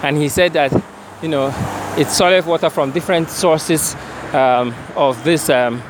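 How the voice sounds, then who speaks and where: A man's voice: a little high, measured pace. A man with a Nigerian accent who slips into Nigerian Pidgin, giving a hesitant, unscripted field report and interview. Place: outdoors near a bridge. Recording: faint outdoor street and vehicle noise.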